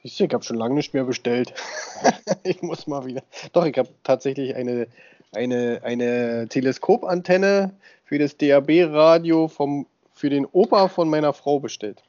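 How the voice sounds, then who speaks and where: A married man in his thirties co-hosts a casual podcast, trading jokes in easygoing banter. His voice is medium-pitched and darkish, his pace measured, and the recording sounds dull and dry.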